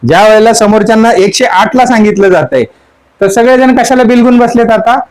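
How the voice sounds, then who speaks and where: A man with a high-pitched voice gives a sermon, teaching through the words of a song. He repeats the same line over and over and keeps asking his listeners what it means. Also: brisk, rough recording. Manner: asks the audience question after question. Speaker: spiritual teacher. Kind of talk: sermon explaining song lyrics.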